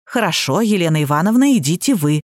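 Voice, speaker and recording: Woman reading a polite brisk nurse, audiobook, dry sound. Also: on the low side, animated, a little mellow, no echo.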